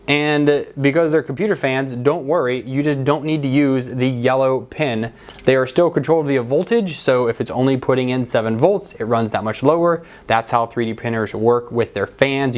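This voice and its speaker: Casual American man explaining things. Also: medium pitch. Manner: informal, chatty, explanatory. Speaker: host of a 3D printing channel. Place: cluttered indoor workshop.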